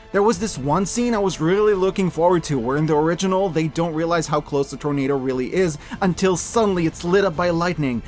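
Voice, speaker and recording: This thirtysomething male film reviewer gives scripted commentary that's sarcastic, opinionated, lively and forceful in emphasis. His voice runs a little high.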